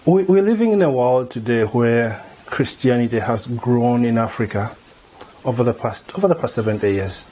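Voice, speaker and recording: A middle-aged man from Malawi, a theology lecturer, answering interview questions in a measured way, often repeating words as he thinks. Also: medium pitch, lively intonation, mellow. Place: indoor room before a banner.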